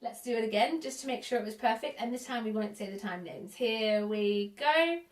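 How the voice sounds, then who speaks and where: A woman's voice: on the high side, fast, heavy background noise. Encouraging woman music teacher, echoey room. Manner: encouraging, counts in and praises. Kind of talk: children's music lesson. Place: room at home. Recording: echoey room, a bit distant.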